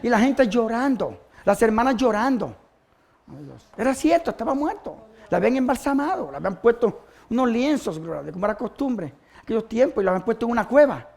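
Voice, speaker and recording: High-voiced fervent male preacher. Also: sing-song, brisk, creaky, darkish tone. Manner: fervent preaching, interjects praise often. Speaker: pastor. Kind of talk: sermon.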